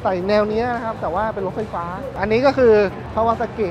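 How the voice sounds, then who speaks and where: A man in his thirties presenting bikes at a busy indoor motor show in a lively, chatty way, speaking into a lapel mic. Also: high voice, brisk. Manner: lively, chatty, points things out. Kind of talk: casual walkaround presentation. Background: music.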